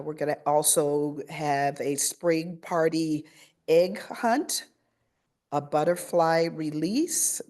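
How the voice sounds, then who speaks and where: A woman principal presenting her school's news at a school board meeting, pausing often with fillers and a little nervous. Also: a little mellow. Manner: halting with fillers, voices children's chants in a high pitch.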